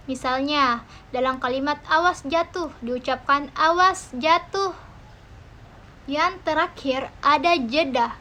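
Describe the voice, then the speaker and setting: A young woman from Indonesia with a high, bright voice reads through a classroom assignment in a careful, even, explanatory way. She sounds like a student presenting prepared notes. A faint hiss of noise runs beneath her voice. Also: low-quality recording. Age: young adult. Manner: steady, careful reading with demonstrative stress examples. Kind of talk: read-aloud academic presentation.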